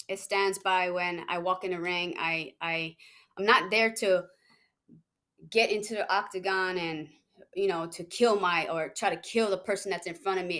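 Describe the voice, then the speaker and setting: Young woman from hawaii, lowish voice, chatty and loose, lots of ums. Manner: relaxed, rambling with many fillers and restarts. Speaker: MMA fighter, guest. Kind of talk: casual interview chat.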